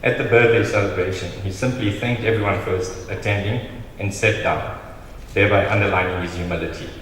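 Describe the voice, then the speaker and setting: Eulogy speaker: South African male, lowish voice, solemn and measured, reading in a highly reverberant, faintly noisy hall. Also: fairly even intonation, a bit bright. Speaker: family member giving a eulogy. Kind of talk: prepared funeral eulogy read aloud. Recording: very echoey hall, distant mic, noisy.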